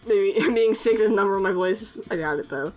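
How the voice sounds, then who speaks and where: A young woman with a brisk, slightly mellow mid-range voice narrates her edit casually while faint music plays. As an artist and animator YouTuber, she hesitates often, filling pauses with fillers and bashful laughs.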